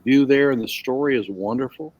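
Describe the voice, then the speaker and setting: A man's voice: medium pitch, fairly quick, a little mellow. A man teaching a casual Bible study group, rambling a little and asking the group questions.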